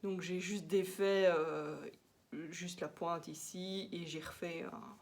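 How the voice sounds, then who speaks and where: A woman's voice: on the low side, steady tone, slow pace, a little mellow, a little hiss or hum. A woman from Belgium with a Belgian French accent, chatting casually in a knitting vlog, full of fillers and restarts, recorded on a laptop at home. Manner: chatty and self-deprecating, with many fillers and restarts, laughing often. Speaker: knitting vlogger. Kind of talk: casual chat. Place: at home, working on a work laptop. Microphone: laptop microphone.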